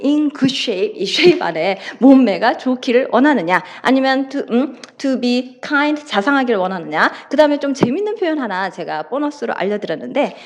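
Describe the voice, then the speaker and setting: A woman's voice: high-pitched, very animated, normal speed, hardly any pauses. A woman with a Korean accent teaching an English lesson, explaining step by step and acting out short dialogue lines. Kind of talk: recorded classroom lecture.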